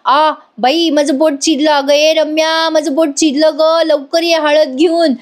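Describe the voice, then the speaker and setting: A woman's voice: high-pitched, moderate pace, close to an everyday voice. A woman voicing a scheming middle-aged mother who pleads with her daughter and flares up at her. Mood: wailing. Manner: emotional, pleading.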